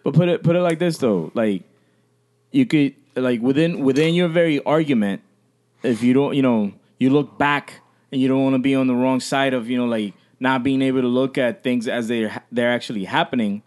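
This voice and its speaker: An American man in a casual podcast debate, talking haltingly, repeating words, swearing and checking that he is understood. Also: mid-range voice, a little mellow. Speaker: podcast co-host.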